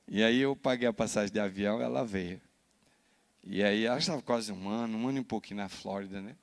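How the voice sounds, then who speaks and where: A Brazilian man, a pastor, telling a personal story in a sermon, animated and often adding "né?" to his lines. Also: on the low side, quick pace. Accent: Brazilian Portuguese. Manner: animated storytelling with frequent "né?" tags. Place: church.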